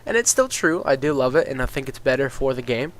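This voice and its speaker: A fast-talking gaming YouTuber with a medium-pitched voice chats casually over gameplay despite a stuffy, sniffly nose. He rambles, dropping lots of ums and uhs, and swears freely. Game balance has him worked up, excited and incredulous.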